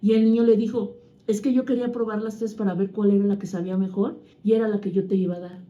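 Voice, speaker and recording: A woman's voice: medium pitch, steady tone, quick pace, warm tone, highs cut off. A woman, co-hosting a casual chat as a mother and teacher, telling anecdotes with a moral. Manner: conversational storyteller who tells anecdotes with a moral.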